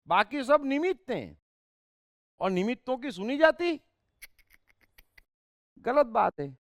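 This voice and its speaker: A man, a spiritual speaker and life coach, gives an emphatic discourse full of rhetorical questions and sharp asides. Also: very high voice, clear, resonant tone, no echo, studio quality.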